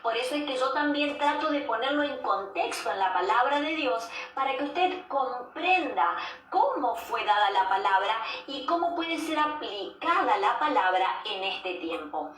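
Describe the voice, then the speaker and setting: A woman giving a devotional sermon as a preacher, measured and repeating key phrases for emphasis. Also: sits high, expressive, a bit bright, faint music behind. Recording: roomy echo, distant mic, faint background noise.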